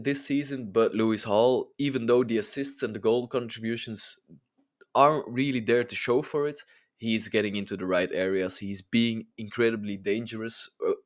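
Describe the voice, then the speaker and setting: Male football YouTuber, mid-pitched, informal and enthusiastic, casual commentary style. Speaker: YouTube football channel host. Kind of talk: casual video ranking commentary.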